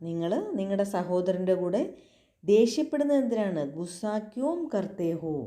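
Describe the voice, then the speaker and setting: A woman teaching Hindi phrases for everyday talk, saying each one slowly, repeating it and explaining what it means. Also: medium pitch, warm tone, echoey room. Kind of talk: language lesson.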